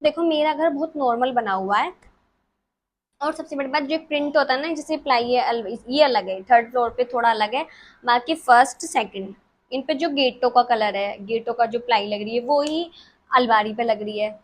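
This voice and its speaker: High-voiced chatty young woman. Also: moderate pace. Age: 20s. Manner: chatty, giggly, self-mocking. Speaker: vlogger answering follower questions. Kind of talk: casual chat. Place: her bedroom by the wardrobe.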